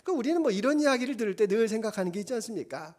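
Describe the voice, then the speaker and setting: Middle-aged pastor guy preaching, high voice going up and down a lot, really animated storytelling. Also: rapid-fire. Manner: animated storytelling with acted quotes. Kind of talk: sermon.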